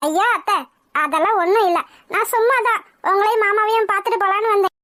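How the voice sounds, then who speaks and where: A woman's voice: extremely high pitch, fast, bright, forceful tone, no room sound, clean studio sound. A woman voicing a caring but stern young woman in a cartoon, who coaxes and scolds. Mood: gentle. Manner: coaxing, then demanding and scolding. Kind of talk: cartoon voice acting.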